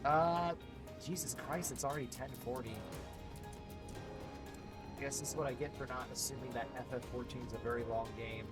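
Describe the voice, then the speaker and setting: Excitable male game streamer. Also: mid-range voice, a little fast, pauses often, over music. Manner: excitable, swears and cheers at the game. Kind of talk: casual gameplay commentary.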